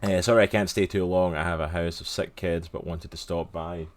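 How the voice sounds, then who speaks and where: A man's voice: low-pitched, fairly even intonation, a little fast, a little hiss or hum. A man co-hosting a casual comic podcast, upbeat and greeting chat viewers by name. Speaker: podcast co-host.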